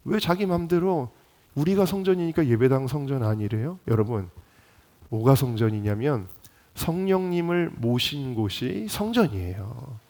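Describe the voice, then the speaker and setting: A man's voice: medium pitch, a little mellow. A male pastor delivering a dawn sermon in a church sanctuary. He speaks with passion, asks the congregation rhetorical questions and builds to emphatic peaks. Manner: impassioned, rising to emphatic peaks.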